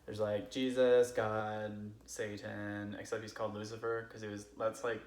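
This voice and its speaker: A man's voice: lowish voice, flat delivery, normal speed, a little mellow, close to an everyday voice. A man putting on a casual, tipsy Californian friend who rambles through comedic stories in a slangy, filler-heavy way. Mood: loose, animated. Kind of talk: comedic storytelling. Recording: roomy echo, faint background noise.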